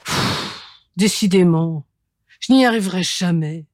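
A woman's voice: mid-range voice, wildly swooping pitch, a little slow, vocal fry, background noise, full character voice. A woman voicing a kind young wolf in a children's storybook who sighs that he cannot be frightening. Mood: plaintive. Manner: sighing, plaintive.

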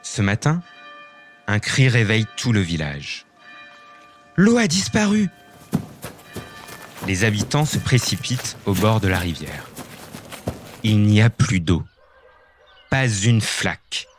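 A man reading a children's story aloud, clear and expressive. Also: fairly low pitch, measured pace, pauses often, soft background music.

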